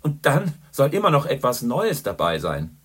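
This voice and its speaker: A man voicing a boisterous, worldly middle-aged journalist who talks loudly and boastfully. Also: medium pitch, huge pitch swings, normal speed, slightly rough, voice pushed up. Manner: loud, hearty and boastful.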